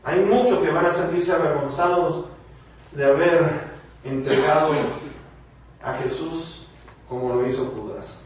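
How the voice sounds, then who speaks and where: A man's voice: fairly high pitch, a little slow, long pauses, recorded from a distance, slight background noise. A man preaching a sermon, speaking emphatically to his congregation, his voice rising and falling. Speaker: pastor. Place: church hall. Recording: very echoey hall, voice from afar.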